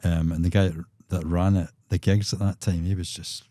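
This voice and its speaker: Brief: Glaswegian musician in his sixties, dark low voice, spins anecdotes and acts out quotes. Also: flat delivery, normal speed, no echo. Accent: Scottish, Glaswegian. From Scotland. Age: 60s. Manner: chuckling raconteur, acts out quotes. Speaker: musician guest. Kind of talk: anecdotal storytelling in a podcast.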